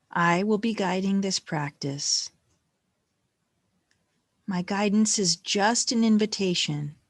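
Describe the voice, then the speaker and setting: A woman with a medium-pitched voice guides a meditation gently and calmly, taking her time and leaving long pauses between phrases. The recording is dry and studio quality.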